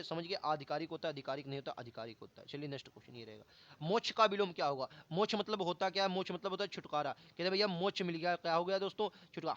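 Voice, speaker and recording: A man's voice: on the high side, fairly bright tone. A man teaching Hindi for an exam, who asks questions and answers them himself, repeats key words, and calls his viewers brother and friends in a colloquial way. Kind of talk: online exam-prep lesson. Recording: dull lo-fi audio.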